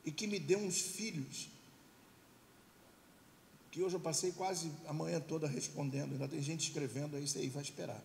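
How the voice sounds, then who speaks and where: High-voiced preacher in echoing church. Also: male voice, fairly even intonation, normal speed, gravelly, long pauses, darkish tone. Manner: emphatic, leads call-and-response. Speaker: pastor. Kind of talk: sermon. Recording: reverberant church hall, faint hiss.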